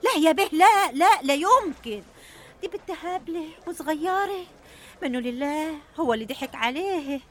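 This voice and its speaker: High-voiced, pleading village woman. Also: lively intonation, normal speed. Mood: nervous pleading. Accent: rural Egyptian. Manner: pleading, lamenting. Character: anxious, deferential village woman reporting to police. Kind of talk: radio drama acting.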